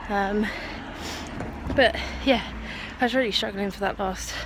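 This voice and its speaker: A woman's voice: medium pitch, measured pace. A woman chatting casually to camera as an amateur runner making a training vlog. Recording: faint background noise.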